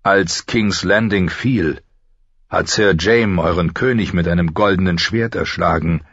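A man's voice: low voice, a little slow, a bit bright, breathy edge, dry recording, muffled recording, heavily acted. A man reading aloud voices a scornful male knight of a royal guard, speaking in a challenging way.

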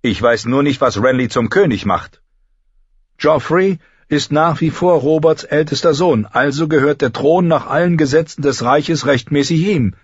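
A man's voice: fairly high pitch, moderate pace, husky, dry recording, lo-fi sound, voice pushed up. A man voicing a grave, stubborn young lord who speaks firmly and grimly. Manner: firm, grim.

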